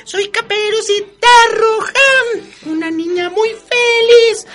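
Caperucita: a man doing a squeaky happy girl. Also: slow pace, heavy background noise. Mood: cheerful. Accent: Mexican Spanish. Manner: squeaky, sing-song.

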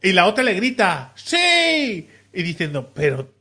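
Animated man telling a story. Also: high-pitched, a little fast, husky, soft background music. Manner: animated storyteller, swings into loud mimicked shouts. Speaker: podcast co-host. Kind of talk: casual chat.

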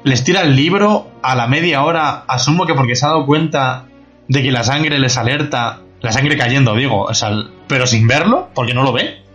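A man with a medium-pitched, slightly bright voice speaks at a moderate pace. He's a podcast host delivering a ranting TV review, angrily, profanely and incredulously tearing into an episode. The recording is slightly dull and lo-fi, with faint music.

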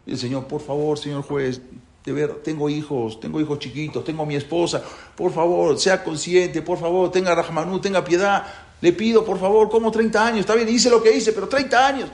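A man's voice: a little high, steady tone, brisk, lightly acted. A man voicing a desperate male prisoner who pleads with a judge for mercy. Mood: pleading. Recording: roomy echo.

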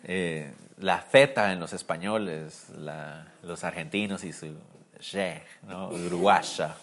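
A man preaching a sermon in a lively way, often asking the listeners questions and swinging from loud bursts to quiet, low lines. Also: takes it slowly, creaky. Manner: animated, swings from loud to soft; asks the listeners rhetorical questions.

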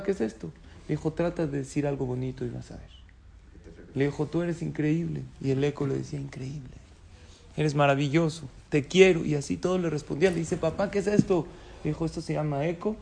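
A man giving a sermon as a rabbi, animated storytelling that acts out the voices of people in his tales. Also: fairly high pitch, gravelly, slight background noise.

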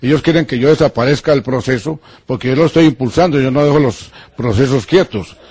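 A man, a lawyer answering interview questions in an earnest, deliberate and accusatory way. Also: medium pitch, darkish tone, breathy edge, no room sound. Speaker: lawyer giving an interview about threats.

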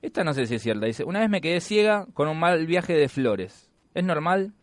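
A man's voice: on the high side, moderate pace, no room sound. An Argentine man hosting a podcast, chatting easily and reading out listener stories. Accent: Argentine Spanish. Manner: relaxed, reads out listener messages. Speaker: podcast host. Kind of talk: casual chat.

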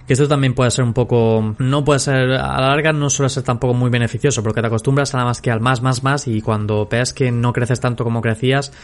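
Young male podcaster, Castilian Spanish accent, medium pitch. Informal, slangy, loose and rambling, speaking directly to his audience. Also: fairly even intonation, brisk, hardly any pauses. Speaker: podcast host and social media creator. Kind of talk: casual solo podcast chat.

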